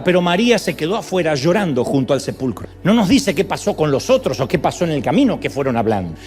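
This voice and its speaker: A male pastor preaching a dramatic sermon, telling a story with humorous asides and acting out quotes with sudden cries. He speaks Spanish with an Argentine accent. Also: sits high.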